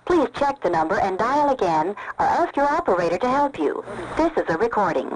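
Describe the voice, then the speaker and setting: A woman delivering a formal recorded telephone announcement in a measured, polite, repetitive way, heard through a fuzzy, crackly, distorted phone recording. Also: a little high, big pitch swings.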